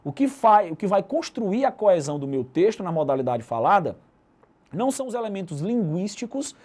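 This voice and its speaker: A man's voice: high-pitched, very animated, brisk, a little mellow. A Brazilian man with a Brazilian Portuguese accent giving a recorded video lesson, explaining step by step and closing nearly every phrase with a tag question. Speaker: teacher.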